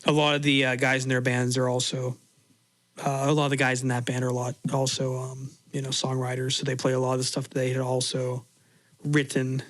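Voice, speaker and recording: A young man co-hosting a podcast, chatting casually and cutting in with jokes and quick asides. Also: mid-range voice, monotone, fairly bright tone. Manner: joking, quick quips and interjections. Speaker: podcast co-host. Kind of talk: casual chat.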